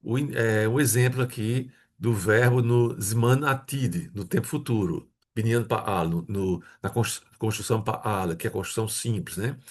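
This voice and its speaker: A man's voice: lowish voice, measured pace, hardly any pauses. A man from Brazil, teaching a grammar lesson, patiently repeating words and checking in with his students. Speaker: Hebrew teacher.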